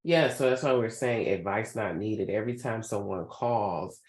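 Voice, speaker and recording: A woman's voice: extremely low pitch, normal speed, darkish tone, roomy sound. A woman co-hosting an advice podcast in a casual, loose, conversational way. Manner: conversational, loose with many fillers. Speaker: podcast co-host.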